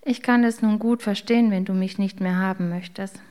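A woman voicing a small, sad salt shaker that speaks quietly and sniffly in a spoken storybook. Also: mid-range voice, steady tone, brisk, smooth, natural voice. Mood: remorseful.

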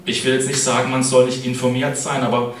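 A man's voice: mid-range voice, completely flat delivery, fairly quick, distant mic, a little hiss or hum. A middle-aged man giving a casual sermon, speaking in a chatty way and often asking his listeners "ne?". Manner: chatty, keeps adding "ne?" to address the congregation. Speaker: preacher. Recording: echoey hall, voice from off-mic.

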